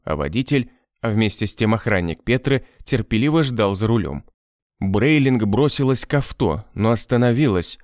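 A man narrating an audiobook in an expressive, scripted manner. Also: medium pitch, no echo, studio quality.

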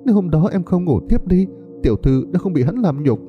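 A loyal young maid pleading in a raised, tearful voice, as a male storyteller puts her on. Her pitch climbs high within a spoken ghost story. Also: animated, fairly quick, dull audio, soft background music, lightly acted. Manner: crying out, pleading.

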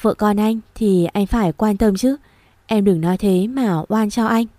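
A man's voice: high-pitched, measured pace, mellow, dry recording. A woman reading a story, voicing a young husband who soothes and pleads with his wife. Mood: pleading. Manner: coaxing, apologetic.

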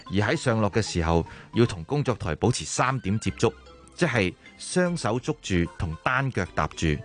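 Brief: steady safety instructor, low voice, radio play. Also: male voice, moderate pace, faint music behind. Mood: instructive. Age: young adult. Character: calm young male safety expert. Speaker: safety expert in a safety radio drama. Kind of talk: radio drama acting.

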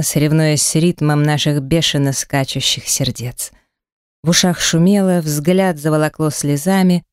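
A woman narrating a first-person romance audiobook in an intimate, breathy manner on a close studio mic. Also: deep voice, a little mellow, no echo.

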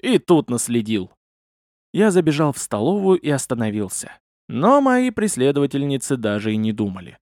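A man narrating a first-person audiobook in an expressive, storytelling manner. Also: mid-range voice, brisk, no room sound, clean studio sound.

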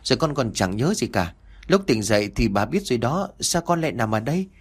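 A man's voice: mid-range voice, sing-song, brisk, slightly rough. A man voicing a confused young maid. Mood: confused pleading. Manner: stammering, pleading.

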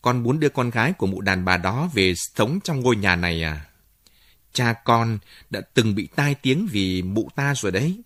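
A man's voice: on the low side, lively intonation, normal speed, a bit bright, no room sound, studio quality. Male reader as a resentful storybook matriarch, cold, contemptuous, unyielding. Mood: bitter. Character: bitter, stubborn older mother.

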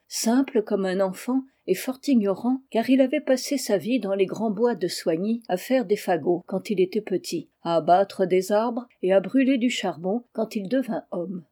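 Calm, mellow woman narrating a story. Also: mid-range voice. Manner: calm, measured reading. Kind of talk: audiobook narration.

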